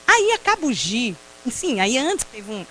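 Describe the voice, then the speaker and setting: Brazilian woman, Brazilian Portuguese accent, fairly high voice with a swooping, expressive pitch, testimony speaker who laughs easily and acts out the quotes. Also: a little slow, slight background noise, poor audio. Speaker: invited speaker at a prayer group. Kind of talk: personal testimony talk.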